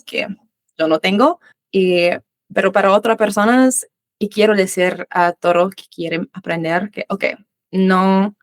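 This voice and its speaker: A young Australian woman, a native English speaker, talks in a medium-pitched voice with no room sound. She is the guest on a casual interview chat, an English teacher answering questions in learner Spanish full of restarts and fillers, her Australian accent mixed with Uruguayan voseo.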